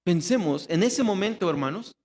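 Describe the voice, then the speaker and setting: A man's voice: high-pitched, expressive, moderate pace, darkish tone. A man with a Mexican Spanish accent preaching a sermon, asking the congregation questions and answering them himself. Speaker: pastor. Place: church hall. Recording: long hall reverb.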